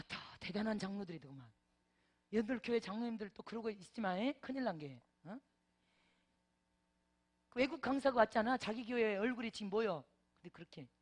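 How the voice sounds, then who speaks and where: A middle-aged woman preacher telling a vivid testimony in a sermon, with many exclamations and interjections. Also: mid-range voice. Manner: animated storytelling with frequent interjections.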